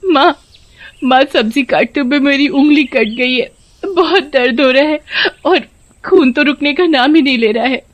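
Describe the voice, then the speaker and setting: A woman's voice: high-pitched, normal speed, voice pushed up, close to an everyday voice. A woman voicing a poor, mistreated young village bride who pleads and weeps. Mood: weepy. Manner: pleading, weepy. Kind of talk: storybook voice acting.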